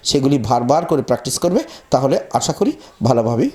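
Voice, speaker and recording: A man's voice: mid-range voice, expressive, a little mellow. Man teaching, spells words letter by letter. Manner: talks to students directly, repeating words slowly. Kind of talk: spoken pronunciation lesson.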